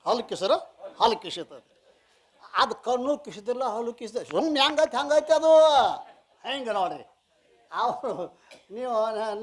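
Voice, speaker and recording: A man giving a storytelling religious discourse as a swami, swinging between soft asides and loud emphatic lines. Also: very high voice. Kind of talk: storytelling sermon.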